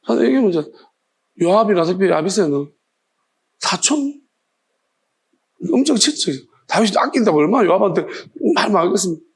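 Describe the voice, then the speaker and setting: A man's voice: sits high, animated, fast, creaky, slightly rough. A male pastor preaching a sermon, firing off challenging rhetorical questions in a scolding tone.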